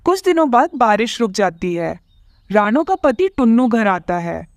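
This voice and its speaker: A woman narrating a cartoon story in an expressive, storytelling way. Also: on the high side, a little slow, no echo, studio quality.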